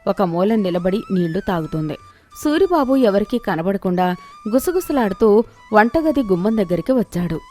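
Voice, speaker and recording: A woman narrating an animated moral story in a steady, expressive way. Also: medium pitch, normal speed, faint music behind.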